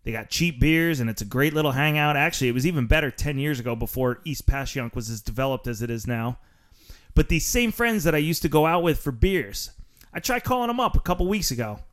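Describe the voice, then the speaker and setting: A man's voice: on the high side, expressive, fairly quick, fairly bright tone. Brash, profane Philly podcast host, man. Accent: Philadelphia. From Philadelphia area. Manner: brash, sarcastic, laughs at own jokes. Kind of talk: profane casual monologue.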